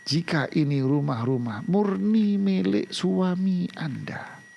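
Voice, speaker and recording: A man teaching Islamic law on a live broadcast, answering viewers' questions in an animated, scolding way and firing off rhetorical questions. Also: sits high, vocal fry, slightly rough. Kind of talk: live religious Q&A lesson.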